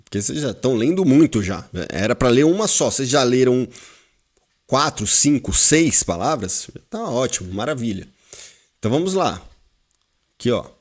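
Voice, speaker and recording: A man with a Brazilian Portuguese accent teaching a class, explaining slowly and repeating words while quizzing his students. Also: mid-range voice. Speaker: Hebrew teacher. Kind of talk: classroom lesson.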